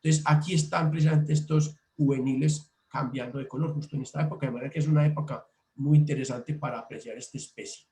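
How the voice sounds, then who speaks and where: A man's voice: fairly high pitch, steady tone, fast talker, darkish tone. A man presenting a birding workshop over slides, explaining at length with frequent restarts and repeated words. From Colombia. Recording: roomy echo.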